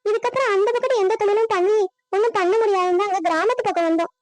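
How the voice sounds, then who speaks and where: A woman's voice: very high-pitched, racing, soft background music. Woman voicing pleading village women. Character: adult village women, sisters and wives. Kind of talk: cartoon dubbing.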